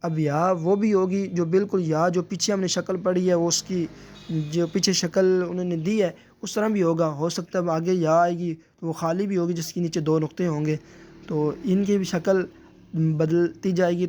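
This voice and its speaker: A man teaching Quran recitation step by step, patiently explaining and drawing out letter sounds slowly. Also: a little high, steady tone, mellow.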